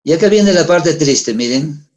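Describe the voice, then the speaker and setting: Middle-aged pastor preaching conversationally. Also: male voice, fairly high pitch, animated, normal speed, darkish tone. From Peru. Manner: conversational preaching with rhetorical questions. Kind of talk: sermon.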